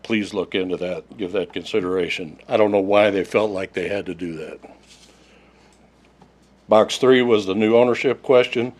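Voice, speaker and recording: Guy w/ an oklahoma accent, lowish voice, reading out prepared remarks at a public meeting. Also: normal speed. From Oklahoma, United States. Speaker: resident speaking at a public hearing. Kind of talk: prepared public comment read aloud.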